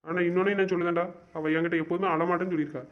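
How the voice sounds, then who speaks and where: A man's voice: sits high, level tone, very fast, close to an everyday voice. A man playing a stubborn fed-up young lover. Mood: frustrated. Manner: insistent, exasperated, repeats himself. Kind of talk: amateur web drama acting. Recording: dull lo-fi recording.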